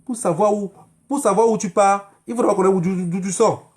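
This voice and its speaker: Speaking brisk and steady, this high-pitched man has a darkish tone and a Cameroonian accent. He's an online activist addressing viewers in a political livestream, admonishing them emphatically, repeating himself and posing rhetorical questions.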